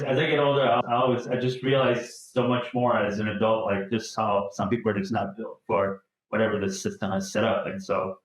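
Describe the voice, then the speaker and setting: Man in his thirties, very echoey room. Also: on the low side. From France. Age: 30s. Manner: relaxed, rambling with many restarts. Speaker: podcast guest. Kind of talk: casual interview chat.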